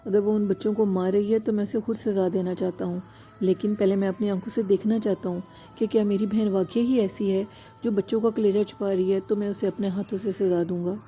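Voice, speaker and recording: A woman's voice: mid-range voice, little pitch movement, mellow, soft background music, close to an everyday voice. A woman voicing a tearful young village man who pleads to save his sister, in a horror story read aloud. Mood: pleading.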